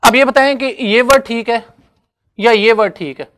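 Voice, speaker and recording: A man's voice: extremely high pitch, normal speed, fairly bright tone, a little hiss or hum. A man giving a classroom lecture, talking conversationally and often checking whether students follow.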